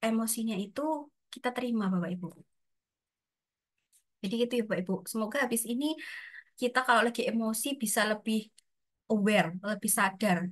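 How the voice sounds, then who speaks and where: A woman's voice: a little high, fairly bright tone. A woman leading an online training session in a chatty way, often addressing her audience and acting out inner voices.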